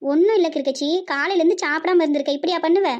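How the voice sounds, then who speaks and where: A woman's voice: very high-pitched, a little mellow, lo-fi sound. Bossy village mother-in-law. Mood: scolding. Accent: Tirunelveli Tamil. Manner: scolding, brisk, motherly. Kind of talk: animated cartoon voice acting.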